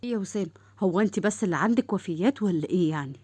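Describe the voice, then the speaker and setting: A woman's voice: medium pitch, animated, very fast, a little mellow, husky, no room sound. A woman doing a teasing young man. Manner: joking, teasing.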